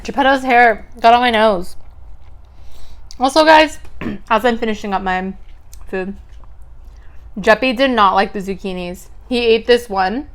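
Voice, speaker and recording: A woman's voice: fairly high pitch, a little slow, long pauses. A young woman in her twenties chatting casually to viewers between bites of food, filling her talk with "like". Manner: chatty, lots of "like", chewing sounds between lines. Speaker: mukbang vlogger. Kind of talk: casual chat while eating.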